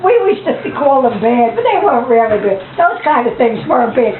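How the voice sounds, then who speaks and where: A very old American woman, a grandmother, telling stories of the past to family in a rambling, folksy, animated way. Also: fairly high pitch, fairly quick. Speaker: grandmother sharing memories. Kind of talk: elder telling a story, casual family reminiscence. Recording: tinny, band-limited, echoey, noisy home recording.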